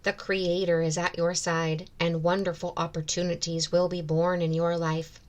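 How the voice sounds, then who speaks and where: A woman giving a spiritual oracle card reading in measured, deliberate phrases with pauses between them. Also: on the low side, level tone. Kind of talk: slow, spiritual guided card reading, partly read out.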